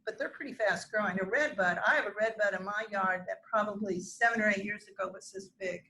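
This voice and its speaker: The recording is low quality with a little hiss or hum, capturing a woman's mid-range, fairly bright voice. She's middle-aged and teaching gardening to a classroom of learners, chatting informally with asides and restarts.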